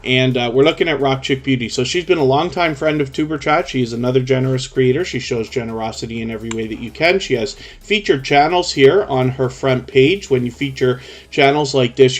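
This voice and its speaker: A male live streamer with a mid-range voice, hosting casually and chatting to viewers. He tends to explain things in long, run-on stretches. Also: mid-range voice.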